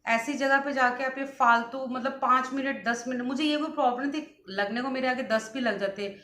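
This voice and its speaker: A woman's voice: sits high, steady tone, moderate pace, a bit bright. A young woman, chatting in a casual vlog while unwell after a vaccine, telling stories and mixing in English words. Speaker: vlogger. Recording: echoey room.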